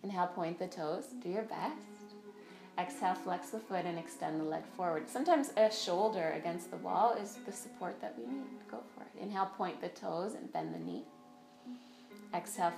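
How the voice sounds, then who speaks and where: A woman's voice: mid-range voice, vocal fry. A woman teaching a guided yoga class, giving step-by-step directions and breath counts. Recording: roomy echo, faint music behind.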